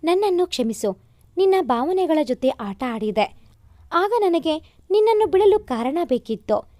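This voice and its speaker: Woman narrator voicing a remorseful young woman, soft apologetic letter read, warm tone. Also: high-pitched, sing-song, measured pace, no echo, clean studio sound.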